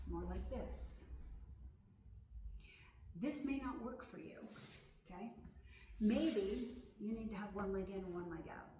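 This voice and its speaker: A woman's voice: medium pitch, a little mellow. A woman yoga teacher giving step-by-step instruction in a conversational, reassuring way. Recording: roomy echo, distant mic, faint noise.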